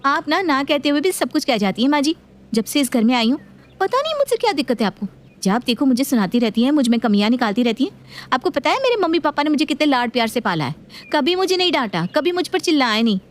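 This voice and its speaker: A woman plays a touchy, defiant young daughter-in-law who argues back indignantly. Her voice sits high and is pushed up, sing-song and fast.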